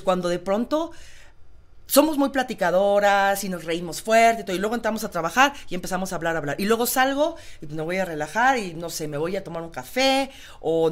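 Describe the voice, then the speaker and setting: A woman phoniatrics specialist, explaining voice care with everyday examples in a talk show interview. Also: medium pitch. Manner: didactic, uses everyday examples.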